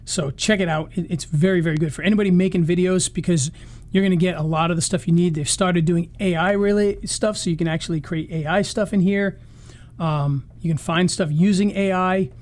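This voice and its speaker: Fairly quick and steady in tone, this man's high voice is a little mellow. He's hosting a live marketing session, and in his casual live-stream wrap-up he rambles loosely, restarts, and starts to lose his voice.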